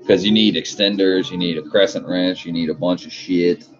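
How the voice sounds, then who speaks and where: A man's voice: low voice, fairly even intonation, moderate pace. A man talking like a frat bro, full of "dude" and swearing, chatting casually on a livestream as he hosts and answers viewers. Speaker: car livestream host. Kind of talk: casual livestream chat, reading out viewer comments. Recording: muffled audio with loud music behind. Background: loud music.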